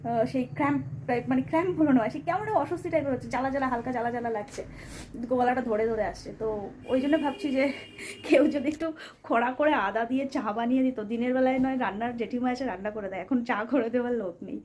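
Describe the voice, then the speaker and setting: Fast-talking hoarse woman vlogger. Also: sits high, a little mellow, a little hiss or hum. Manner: chatty, talks to viewers as friends. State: hoarse from a cold. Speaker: family vlogger. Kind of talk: casual chat to camera.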